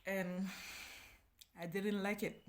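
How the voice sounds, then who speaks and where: A woman in her thirties with a Kenyan accent chats casually and animatedly as a book reviewer, candid and self-deprecating with playful asides. Her voice is mid-range with a level tone and slow pace, against heavy background noise.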